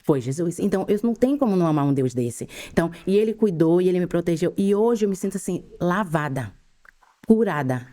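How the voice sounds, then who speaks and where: Fast-talking fervent Brazilian woman. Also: on the low side, expressive, dark tone. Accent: Brazilian Portuguese. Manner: fervent, rushed storytelling. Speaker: podcast guest. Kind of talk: emotional faith testimony.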